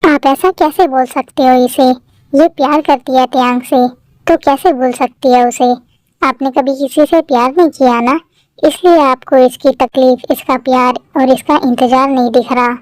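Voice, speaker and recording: A woman's voice: high voice, steady tone, moderate pace, darkish tone, no echo, lightly acted. A woman voicing a bold, outspoken young woman friend in a fan-made dubbed drama. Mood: defiant. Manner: outspoken, pushy.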